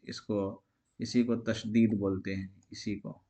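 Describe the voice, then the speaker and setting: A man's voice: fairly low pitch, flat delivery, slow, warm tone. A man teaching an exam-prep grammar lesson, asking each question aloud and answering it himself in a repetitive call-and-response way.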